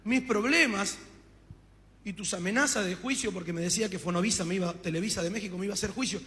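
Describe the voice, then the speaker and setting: A man with an Argentine accent preaches his own testimony, telling the story with fervor and acting out what each person said. His voice sits high. A long reverb trails behind him, as in a hall. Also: quick pace, bright, forceful tone. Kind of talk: testimony sermon.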